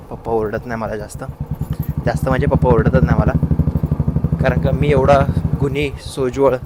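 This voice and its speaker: A young man vlogging casually from his motorcycle, joking and rambling in a self-mocking, chatty way. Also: mid-range voice. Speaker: motovlogger. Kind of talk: casual rambling vlog chat. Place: outdoors on a motorcycle on city roads. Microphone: newly bought vlogging mic. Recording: loud traffic and engine noise. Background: motorcycle engine and street traffic.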